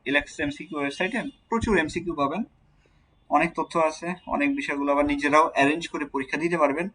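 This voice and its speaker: A man's voice: a little high, fairly bright tone, slight background noise, low-quality recording. A young adult man with a Bangladeshi accent teaching an online class, explaining step by step and repeating key words as he answers questions.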